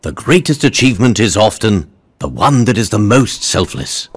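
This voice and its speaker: An actor playing a thoughtful, composed gentleman professor in an animated game. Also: on the low side, normal speed, slightly rough.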